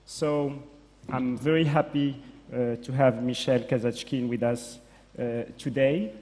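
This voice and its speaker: A man from Morocco, giving a formal introduction speech at a conference, halting with many fillers and self-corrections. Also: mid-range voice, fairly even intonation, warm tone. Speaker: conference speaker introducing a guest. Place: large conference hall. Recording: long hall reverb.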